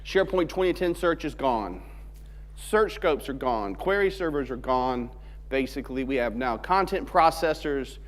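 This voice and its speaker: A medium-pitched male voice with lively intonation and normal speed belongs to an Alabama conference speaker. He treats his technical subject in a joking, conversational manner. The large hall he speaks in gives his stage mic a long reverb.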